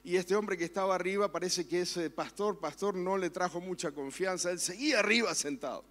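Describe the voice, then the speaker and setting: A man's voice: high-pitched, a little fast, a bit bright. A man, a pastor preaching a sermon in church, telling stories and turning fervent in prayer. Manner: storytelling with varied emphasis, fervent when praying.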